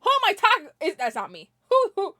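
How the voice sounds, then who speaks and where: Giggly young lady reacting to a game on stream, super high pitched, bouncy lively voice. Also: a little fast. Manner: giggly and excitable. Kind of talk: let's play commentary.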